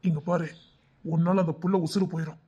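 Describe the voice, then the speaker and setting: A man's voice: fairly high pitch, little pitch movement, fairly quick, husky, pitched below the performer's own voice. A man with a Tirunelveli Tamil accent voicing an urgent, scolding older-brother ally in an audio story. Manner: pressing, scolding, rising to shouts. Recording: dull lo-fi recording.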